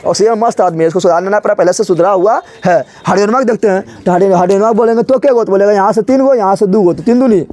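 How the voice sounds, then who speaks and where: A man's voice: sits high, very fast, few pauses, darkish tone. A male teacher teaching a chemistry lesson playfully, often asking a question and answering it himself.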